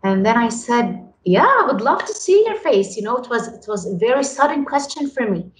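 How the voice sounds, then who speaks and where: A Lebanese woman with a slightly high voice and wide pitch swings speaks at a normal pace, earnestly telling her story in a podcast interview. She's a radio program director and often repeats words as she begins a sentence. The room is echoey, with faint background noise.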